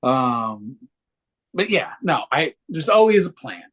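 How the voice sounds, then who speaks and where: A man's voice: a little high, sing-song, takes it slowly, a bit bright, husky. A young man co-hosting a casual sports podcast, brash, joking and swearing freely. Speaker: podcast co-host.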